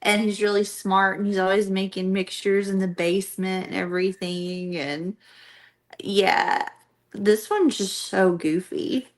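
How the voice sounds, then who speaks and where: Female co-host, casual book talk, slow and easygoing. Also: mid-range voice, fairly even intonation. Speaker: book club podcast co-host. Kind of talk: casual chat.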